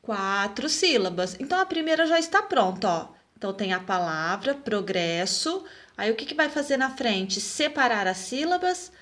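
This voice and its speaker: A woman's voice: a little high, very animated, moderate pace, a bit bright. A woman teacher from Brazil giving a recorded class to children, patiently spelling out words and checking in often with her pupils.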